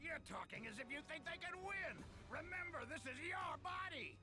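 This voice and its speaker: A man's voice: very high voice, very animated, moderate pace, over music. A man voicing a boastful, theatrical alien villain commander in an anime game. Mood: smug, menacing.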